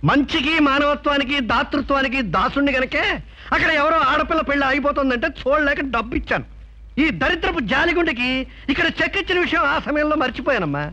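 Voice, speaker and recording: A man's voice: very high voice, lively intonation, heavily acted. A pompous, fawning con man. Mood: melodramatic. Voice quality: grandly theatrical, drawn-out pleading speech. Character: pompous sweet-talking male con man, middle-aged. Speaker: smooth-talking swindler who hands out bad checks. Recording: muffled film soundtrack with loud music.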